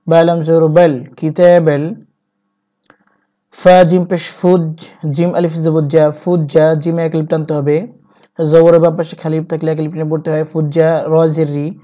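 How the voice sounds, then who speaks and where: A man teaching Quran reading, spelling out syllables one by one and chanting each verse slowly. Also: a little high, warm tone. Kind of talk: step-by-step recitation lesson. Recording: dull lo-fi recording.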